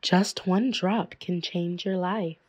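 A woman's voice: on the low side, fairly even intonation, slow, darkish tone, dry recording, muffled recording. A woman playing a carefree, satisfied customer in a scripted pharmaceutical ad testimonial, with a breezy delivery.

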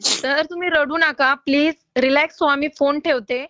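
A woman's voice: high voice, fairly even intonation, normal speed, pushed and bright, dry recording, dull audio. A woman calling to collect a loan payment, polite but insistent and exasperated. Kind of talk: phone call.

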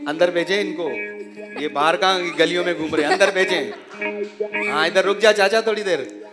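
A man's voice: high voice, fairly even intonation, moderate pace, in a large hall, music in the background. A man hosting a live game show, bossy and jokey as he calls out teasing commentary.

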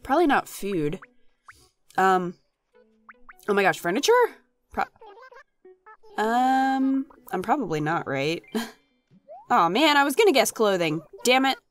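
A woman's voice: mid-range voice, lively intonation, slow, pauses often. A woman with a phlegmy, congested voice giving casual, chatty let's play commentary in playful exasperation. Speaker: gaming channel host. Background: video game music.

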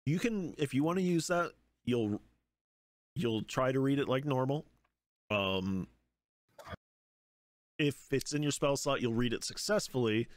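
A man runs a tabletop role-playing game as game master. He is casual and explanatory, improvising his narration. His voice sits at an average pitch on a close, dry mic. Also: lively intonation, unhurried, pauses often, dry recording.

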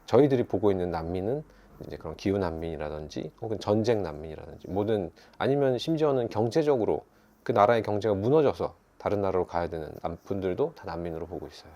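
A man's voice: sits low, lively intonation, mellow. A man explaining refugee categories and visas in an interview. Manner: rapid, explanatory.

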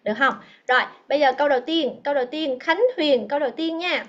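A woman teaching English in an online class, encouraging and repeating words slowly for her learners. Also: high-pitched, fairly bright tone, lo-fi sound.

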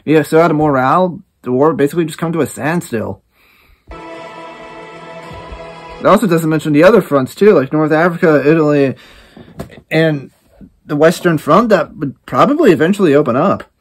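A man hosting a reaction video, giving casual commentary and thinking aloud with halting restarts. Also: on the high side, expressive, soft background music.

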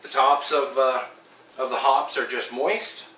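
A middle-aged man, stuffy-nosed from a head cold, chats in an upbeat, casual way through a home brewing vlog covering how-to and tasting, with frequent ums and uhs. His medium-pitched voice is steady, bright, and forceful at a slightly slow pace. He's recorded from a distant mic with a little hiss or hum, first in his home kitchen and then in a small room at home.

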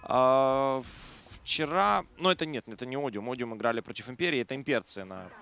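A man's voice: mid-range voice, brisk, vocal fry, a bit bright. Man, esports commentator, colloquial, ironic, mid-range voice, faint background game noise. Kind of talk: live game commentary with casual banter.

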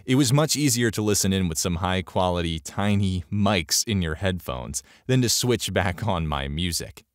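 Deep-voiced sarcastic male storyteller. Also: expressive, normal speed, no echo, clean studio sound. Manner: sarcastic, exasperated. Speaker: story narrator. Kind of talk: storytelling narration.

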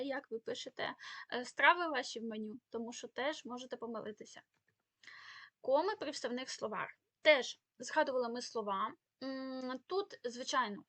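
A woman's voice: a little high, pushed and bright, no echo. A woman teaching a spoken grammar lesson, explaining rules with many fillers and self-corrections. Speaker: Ukrainian language teacher.

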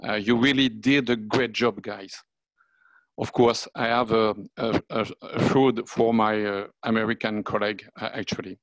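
A man in his sixties with a French accent, a native French speaker giving a formal webinar presentation, halting and searching for English words. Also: on the low side, steady tone, dry recording, rough recording. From France. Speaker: fire service officer presenting. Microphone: video call.

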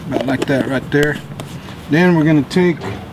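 A middle-aged man hosts a casual cooking demonstration in an outdoor backyard grilling area, jolly, folksy and chatty. His voice is fairly high and his speed normal, and there's noise in the background.

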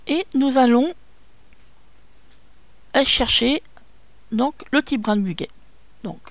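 A French-accented woman talks slowly through a photo editing lesson, pausing often with fillers and telling listeners to take their time. Her voice sits a little high with a gravelly edge, recorded dry and close at a computer. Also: no room sound. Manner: patient, hesitant, many fillers. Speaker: software tutorial presenter.

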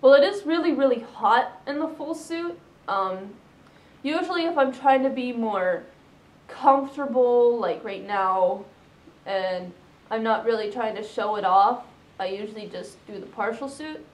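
A woman's voice: on the high side, a little slow, reverberant, low-quality recording. A young adult woman answering interview questions casually, hesitant, with many "um"s and "like"s. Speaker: interviewee, fursuiter.

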